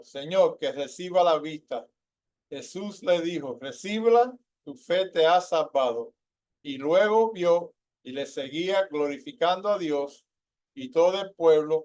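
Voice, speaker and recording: A man delivers a sermon to a church congregation in a high voice, often checking in with questions. He rises in pitch and volume when he drives a point home. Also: darkish tone. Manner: asks the congregation questions, tags lines with ¿verdad?. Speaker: preacher.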